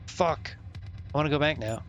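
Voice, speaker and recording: With a fairly high-pitched, slightly bright voice at normal speed, a man streams a puzzle game live, muttering and cursing while he tries out passwords and thinks aloud. The audio sounds dull, and faint game music runs underneath.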